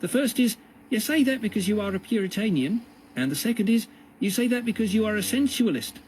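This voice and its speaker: A man voicing a high, eager schoolboy reciting. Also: animated, fairly quick, a little mellow, slight background noise, rough recording. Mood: dutiful. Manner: high, dutiful, recited answers. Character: eager young male prisoner reciting by rote.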